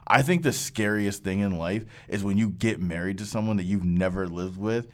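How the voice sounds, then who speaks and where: A man co-hosting a casual podcast, loud and joking, swearing freely. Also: on the low side, moderate pace. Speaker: podcast co-host.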